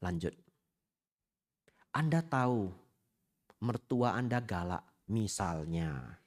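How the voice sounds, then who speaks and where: A middle-aged Buddhist monk with a fairly low, expressive voice speaks slowly as he gives a humorous Dhamma talk in a temple hall. He asks the congregation questions and mixes in Hokkien phrases throughout the sermon.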